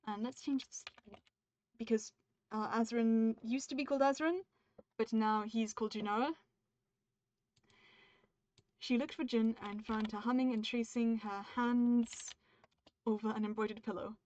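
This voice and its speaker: A woman from the UK, streaming her writing session, reads her draft in a fairly high, steady, darkish voice, a little slow and with frequent pauses. She stops mid-sentence to edit and chats with viewers in an upbeat, friendly way. Her stream mic sounds dull and muffled.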